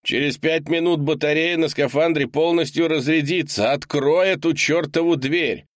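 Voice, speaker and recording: Male narrator doing high-pitched, yelling, panicked freezing geologist, audiobook, dry close sound. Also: steady tone, normal speed, no room sound, natural voice. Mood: desperate shouting. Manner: shouting, pleading. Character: desperate freezing male geologist pounding on door.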